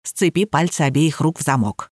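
Woman reading as a gruff bossy old lady. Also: deep voice, expressive, moderate pace, a little mellow, no echo, studio quality, voice pushed down. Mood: commanding. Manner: commanding and teasing. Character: stern, sardonic old woman pensioner, dog owner.

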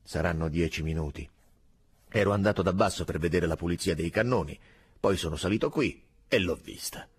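A man voicing a calm, dutiful army sergeant who speaks evenly and slowly. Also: low voice, a little hiss or hum, natural voice. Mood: steady. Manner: even, slow, dutiful, matter-of-fact. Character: calm older male army sergeant, by-the-book.

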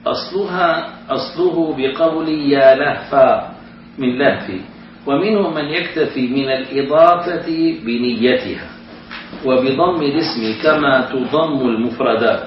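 Distant echoey male grammar teacher. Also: mid-range voice. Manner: explains rules step by step, chants Quranic examples slowly. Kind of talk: classroom grammar lesson. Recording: echoey room, distant mic, dull lo-fi sound with faint hiss.

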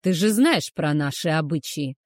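A woman voicing a cruel, arrogant male werewolf hunter, who speaks with loud, growling menace. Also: lowish voice, animated, slow, no room sound, studio quality. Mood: menacing.

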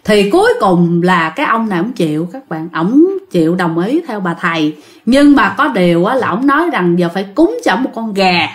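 A woman hosting a ghost story channel, chatting to listeners and sounding a bit tired. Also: medium pitch. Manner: chatty, addresses listeners directly.

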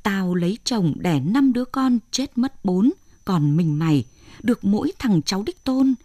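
A woman voicing a foul-mouthed old mother-in-law in her seventies, from the north, who scolds and shouts curses. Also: on the low side, very animated, normal speed, husky, no room sound, studio quality. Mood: screaming. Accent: Northern Vietnamese.

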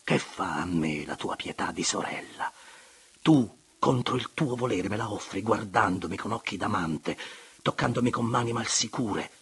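A wounded young nobleman, bitter and ardent, pressing his words with intensity, as a male narrator reads him. The voice is low and husky, with a breathy grain, in a storybook reading. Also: expressive, normal speed, exaggerated voice. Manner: intense, pressing, rising to sharp outbursts.

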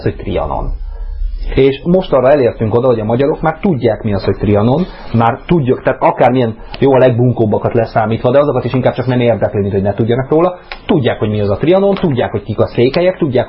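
A man rambling casually on a radio show, mixing crude jokes into his talk. His voice is husky and mid-pitched. The low-bitrate recording sounds dull and muffled.

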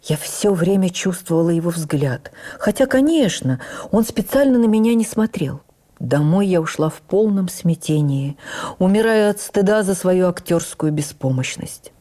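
In a dramatic first-person memoir read for radio, an actress voices a stage actress looking back on her youth with admiring wonder. Her voice is on the low side, and her narration is measured, literary, and expressive, with a reflective tone.

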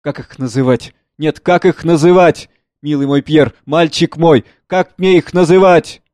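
A man's voice: on the high side, measured pace, darkish tone, dry recording, pitched above the performer's own voice, close to an everyday voice. A man reading a play aloud, voicing an aging writer and father in an impassioned, declamatory way. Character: aging man, a famous writer, anguished and earnest.

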